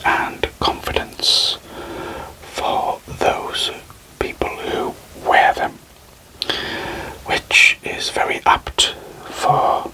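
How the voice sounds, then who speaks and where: A man performs a whispered role-play in the manner of an ASMR creator. His voice is a breathy whisper with no full voicing. He takes his time, phrasing gently and deliberately with unhurried pauses. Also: low-quality recording. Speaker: ASMR creator addressing viewers.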